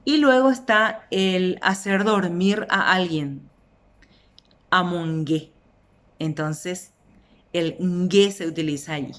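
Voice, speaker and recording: A woman with a Paraguayan accent teaching a language lesson, speaking slowly and stretching out each example word. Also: on the low side. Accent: Paraguayan Spanish. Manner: slow, deliberate, stretches out example words. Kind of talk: explanatory lesson.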